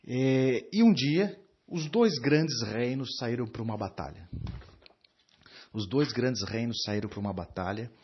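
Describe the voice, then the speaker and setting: A man's voice: medium pitch, husky, highs cut off. A man with a Brazilian Portuguese accent preaching a sermon, teaching with many fillers and tag questions.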